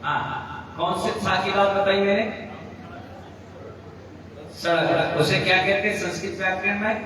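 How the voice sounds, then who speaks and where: A man, a Jain monk, leading a slow pronunciation lesson and having his audience repeat each word after him. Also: high voice, steady tone, sharp tone. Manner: slow drilling, asks the audience to repeat words. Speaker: Jain monk teaching a class. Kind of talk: pronunciation lesson with call-and-response. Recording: echoey hall, far from mic, crowd.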